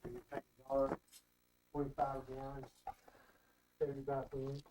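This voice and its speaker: A man's voice: medium pitch, monotone, moderate pace, warm tone, poor audio. An older man chatting casually and unscripted as a customer in a shop. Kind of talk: casual chat, reminiscing.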